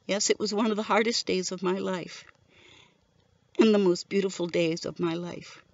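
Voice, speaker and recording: A woman's voice: mid-range voice, steady tone, moderate pace, darkish tone, no room sound, muffled recording. A middle-aged woman telling the story of her husband's death in an emotional, tearful way. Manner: emotional, tearful, present-tense retelling. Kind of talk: personal spoken testimony.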